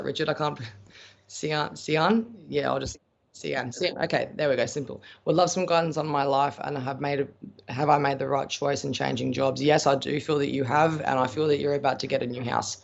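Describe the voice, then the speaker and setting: Over dull, lo-fi stream audio, an Australian man answers viewers' questions during psychic readings, chatty and blunt, tossing out pet names. His voice sits a little high with fairly even intonation, a moderate pace and a creaky quality.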